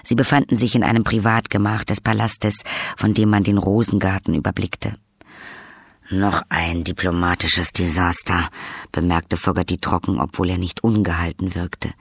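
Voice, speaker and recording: A man reading a fantasy novel aloud as narrator, measured and even. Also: on the low side, gravelly, breathy edge, dry recording, studio quality. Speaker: audiobook narrator. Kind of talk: scripted narration.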